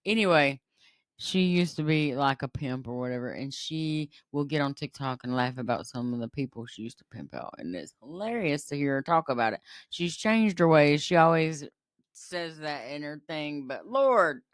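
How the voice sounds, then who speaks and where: A woman's voice: deep voice, animated, moderate pace, no echo, clean studio sound. A woman co-hosting a podcast, telling funny stories in a casual, laughing chat. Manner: chatty storyteller, laughs often. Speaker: podcast co-host.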